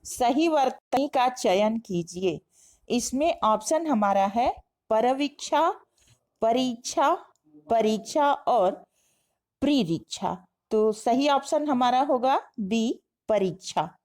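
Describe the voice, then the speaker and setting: A woman's voice: on the high side, animated, slow, darkish tone, poor audio. A woman teaching an exam-prep lesson, methodically working through spelling questions and repeating each correct answer. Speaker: Hindi teacher.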